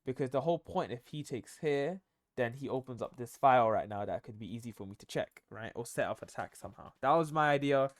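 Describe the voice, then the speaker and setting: A man's voice: medium pitch, animated, fairly quick, no room sound. A tired young man commenting on his own chess game, thinking aloud with many ums and self-corrections. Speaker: chess streamer.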